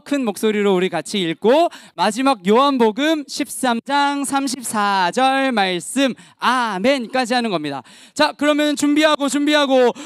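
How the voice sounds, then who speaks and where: A man leading a children's sermon as the evangelist, animated and coaxing as he talks straight to the kids. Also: extremely high pitch, no echo, studio quality.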